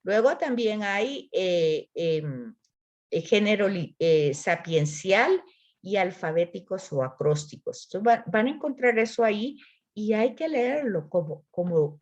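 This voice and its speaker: A woman's voice: mid-range voice, animated, slow pace, a little mellow, lo-fi sound. A woman teaching a Bible literature class online, explaining patiently and often checking with "¿verdad?". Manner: explains patiently, repeats words, frequent "¿verdad?".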